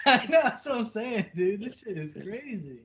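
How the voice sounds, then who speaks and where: A man's voice: high-pitched, big pitch swings, unhurried, a bit bright. A man co-hosting a podcast, chatting casually in English and swearing freely as he banters about basketball. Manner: loose, profane banter. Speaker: podcast co-host. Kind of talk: casual chat.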